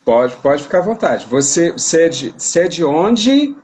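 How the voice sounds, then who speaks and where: A man's voice: on the high side, sing-song, moderate pace, crowd noise. A man from Brazil hosting a casual live-stream interview, talking in a chatty way with many restarts, recorded on a phone. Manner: chatty, repeats words and restarts. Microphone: phone on a live video stream.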